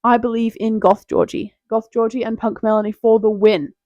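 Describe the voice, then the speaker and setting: A woman's voice: a little high, fairly even intonation, normal speed, mellow, no echo. Young female host, playful self-interrupting chatter, close dry lo-fi sound. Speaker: tier list video host. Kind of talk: casual rambling commentary.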